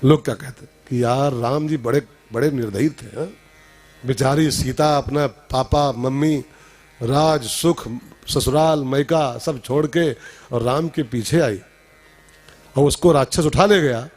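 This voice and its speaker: A man telling a devotional katha, full of jokes and quick "haan?" prompts to his listeners. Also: mid-range voice, darkish tone, soft background music. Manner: folksy, jokey storytelling with frequent "haan?" prompts to the audience. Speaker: kathavachak, religious storyteller. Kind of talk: devotional katha sermon with jokes and sung verses.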